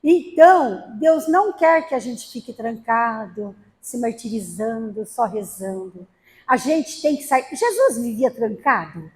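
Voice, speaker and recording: Brief: high-pitched woman lecturer from Brazil, humorous storyteller. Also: lively intonation, measured pace, a little mellow. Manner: storytelling with acted quotes and humor. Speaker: spiritist lecturer. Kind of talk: spiritist talk to a gathering. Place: spiritist center hall.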